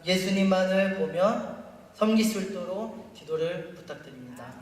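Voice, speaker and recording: Distant reverberant hall recording, high-pitched man, careful halting delivery, prepared church greeting. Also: lively intonation. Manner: careful, halting non-native-sounding Korean. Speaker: newly appointed youth ministry worker. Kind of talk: prepared greeting read to a congregation. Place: large church hall during a service. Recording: echoey hall, distant mic, faint noise.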